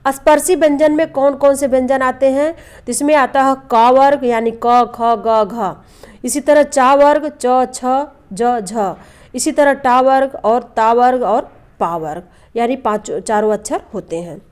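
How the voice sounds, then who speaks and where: A young woman teaching a Hindi grammar lesson who asks questions and answers them herself, repeats key terms patiently, and draws out the example sounds slowly. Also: high-pitched, darkish tone, clean tone. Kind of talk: classroom lesson explaining vowels and consonants.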